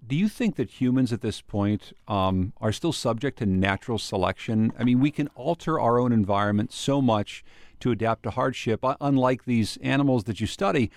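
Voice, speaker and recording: Mid-pitched man hosting, dry studio sound. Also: darkish tone, no echo. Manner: informal, inquisitive. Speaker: call-in show host. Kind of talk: conversational radio interviewing.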